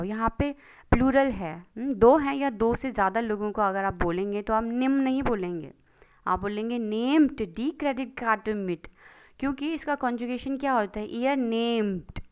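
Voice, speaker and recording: A woman teaching German grammar in a video lesson, switching between Hindi and English and reading example sentences slowly. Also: a little high, clean tone, highs cut off.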